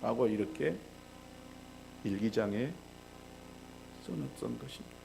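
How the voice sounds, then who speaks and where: A male pastor preaching a sermon, telling a story with animated delivery and acting out the voices of the people in it. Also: medium pitch, a little slow, creaky, background noise.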